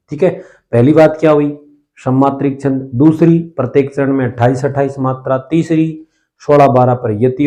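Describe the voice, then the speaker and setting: Guy teaching hindi poetry meter, warm mellow voice, counts beats out loud, says okay a lot, clears his throat sometimes. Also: mid-range voice, poor audio. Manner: explanatory, counts syllables aloud, checks in with repeated "okay". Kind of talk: classroom lesson on Hindi poetic meter.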